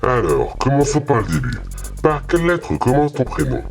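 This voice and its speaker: A man voicing a cartoon contestant whose speech runs through a voice changer that shifts his pitch up and down, wary and teasing. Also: sing-song, normal speed, gravelly, loud music behind the voice. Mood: scheming. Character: contestant speaking through a voice modifier.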